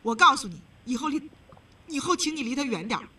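A woman's voice: high-pitched, expressive, quick pace, sharp tone, husky, far from the mic. A woman hosting a call-in advice radio show, blunt and emphatic, lecturing the caller.

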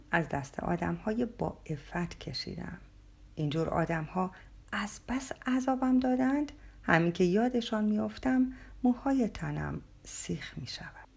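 A woman reads a story aloud in a low, gravelly voice. Her delivery is breathy and often drops to a half-whisper, with dramatic storytelling lift. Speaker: narrator. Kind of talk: scripted storybook narration.

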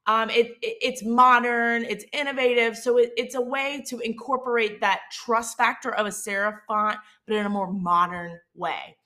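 A woman's voice: a little high, fairly even intonation, moderate pace, hardly any pauses, pushed and bright. A woman with a Southern Mississippi accent hosting an instructional podcast, explaining things informally and conversationally, often checking in with the listener. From Mississippi, United States. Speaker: host of a branding and marketing show.

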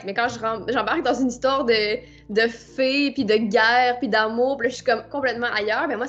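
A woman with a Québécois accent chats casually as a guest, jumping in with restarts and fillers. Her voice sits a little high. The audio is slightly dull, with faint music underneath. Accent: Québécois French. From Quebec. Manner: animated, many restarts and fillers. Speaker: guest novelist. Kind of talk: casual podcast chat.

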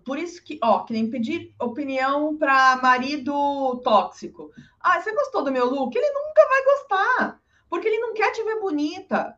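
A woman in a casual advice chat, speaking animatedly and often acting out what other people say. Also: sits high. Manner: animated, often acts out quoted speech. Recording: dull lo-fi recording.

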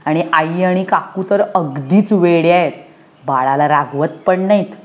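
A woman voicing a sulky, jealous little girl in a children's story, whining and shouting when she doesn't get her way. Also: lowish voice, unhurried, close to an everyday voice. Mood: indignant. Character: pouty jealous little girl, new big sister.

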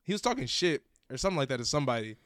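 A man's voice: medium pitch, very animated, fairly bright tone, dry recording, studio quality. A man co-hosting a podcast, bantering and teasing in a casual chat, telling stories about kids at school. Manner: joking banter, quick quips. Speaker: podcast co-host; school staff.

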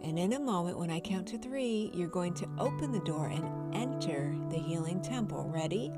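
A woman leading a guided meditation in a soft, soothing, unhurried spa-like voice, repeating words as she goes. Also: fairly low pitch, lively intonation. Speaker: host of a healing show and guided-journey leader. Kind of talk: slow guided meditation narration. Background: music behind the voice.

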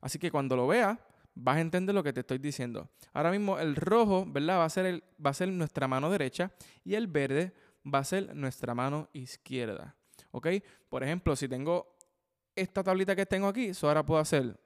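Drum teacher a resonant voice. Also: male voice, fairly high pitch, brisk. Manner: explains with frequent "ok?" and "¿verdad?" checks, counts sticking aloud. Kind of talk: instructional video lesson. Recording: long hall reverb.

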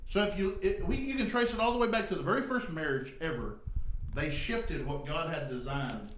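High-voiced man in an echoey room. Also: lively intonation, moderate pace, a bit bright. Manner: thoughtful, restarts often, builds arguments. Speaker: co-host. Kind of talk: casual discussion. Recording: echoey room with faint ambient noise.

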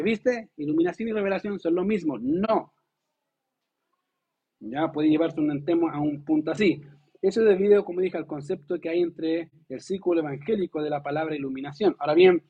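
A pastor delivering a lively, conversational sermon, asking the congregation rhetorical questions and acting out quotes. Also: male voice, high-pitched, husky. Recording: tinny phone-like sound.

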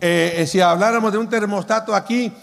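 A man's voice: high-pitched, fairly even intonation, a little fast, vocal fry. A man giving an emphatic motivational sales talk in short, repeated phrases and rhetorical questions. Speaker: motivational business speaker. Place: large echoey room with an audience. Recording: echoey hall with long reverb.

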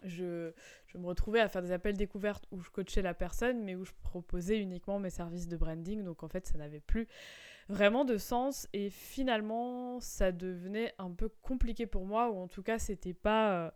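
A woman's voice: mid-range voice, steady tone, moderate pace, darkish tone, clear, resonant tone. A young woman hosting her own podcast as a business coach, talking casually with many fillers and restarts. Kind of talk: casual solo podcast talk.

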